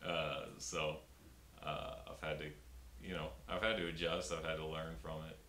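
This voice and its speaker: A young stand-up comedian speaks at normal speed in a level, sharp tone, his voice very deep. His casual interview answers come with many fillers and false starts. Filming is by a fixed camera at upper-body framing in a small room before a pink backdrop, with roomy sound and faint hiss.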